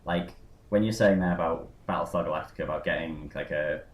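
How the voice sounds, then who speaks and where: A man's voice: a bass voice, a little fast. A man hosting a podcast, rambling through a casual chat with lots of fillers and tangents. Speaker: podcast host. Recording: roomy echo.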